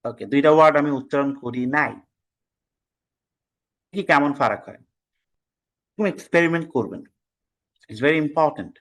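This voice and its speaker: Guy from bangladesh running an online test prep class, voice a bit on the high side, mixes english in, scolds students sometimes. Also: expressive, low-quality recording. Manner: reads practice passages aloud slowly and deliberately.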